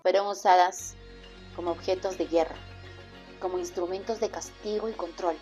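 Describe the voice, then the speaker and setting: A woman's voice: lowish voice, fairly even intonation, moderate pace, a little mellow, faint music behind. Solemn woman narrating a documentary. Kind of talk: scripted narration.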